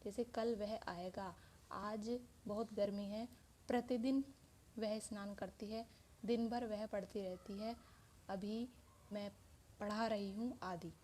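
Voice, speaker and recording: A woman's voice: medium pitch, steady tone, takes it slowly, warm tone, a little hiss or hum. A woman teaching a grammar lesson, explaining step by step with many examples.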